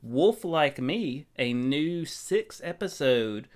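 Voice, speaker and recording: A man's voice: fairly high pitch, animated, slow pace. A man co-hosting a film podcast, chatting casually in an upbeat, jokey way as he runs through box office news. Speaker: podcast co-host.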